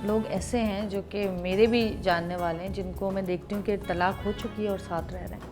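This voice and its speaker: A woman's voice: medium pitch, steady tone, over music. A woman with a Pakistani Urdu accent hosting a TV talk show, who sets up her questions by recounting cases. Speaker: host.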